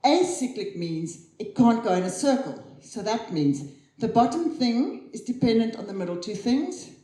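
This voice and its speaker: A woman giving a chatty conference keynote on stage, lively and quick to laugh at herself. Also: on the high side. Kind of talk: live tech talk on stage. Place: conference hall. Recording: roomy hall sound.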